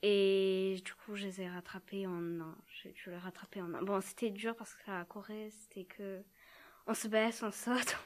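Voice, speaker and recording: A woman's voice: mid-range voice, level tone, moderate pace. A teenage girl answering as a guest in a casual chat, shy and hesitant with short answers.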